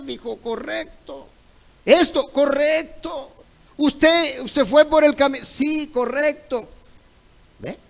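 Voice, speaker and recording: A Mexican man preaching a Sunday school sermon, retelling a conversation, pausing to ask "¿ve?" and at times rising to loud cries. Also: high voice, poor audio. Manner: retells a dialogue, repeating "correcto" and "¿ve?"; rises to loud exclaimed cries when acting out others.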